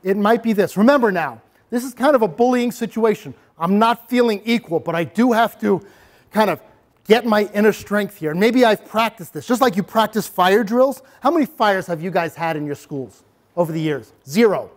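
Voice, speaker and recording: A man presenting a bully prevention workshop to parents and children, animated and acting out examples as he goes. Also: high-pitched, moderate pace. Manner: animated, acts out examples with sudden voice changes. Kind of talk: interactive workshop talk to parents and kids.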